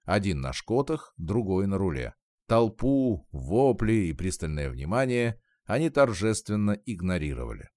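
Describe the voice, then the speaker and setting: A man reading a story aloud in scripted, expressive narration. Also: low voice, normal speed, dry recording, clean studio sound. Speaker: audiobook narrator.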